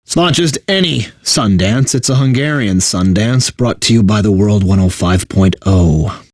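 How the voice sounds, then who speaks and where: This lightly acted take has a lowish-voiced man at normal speed portraying a bitter corporate radio DJ in a video game, weary and sardonic after burning out. He mixes exaggerated announcer patter with sarcastic, exasperated asides. The audio is studio quality, with no room sound.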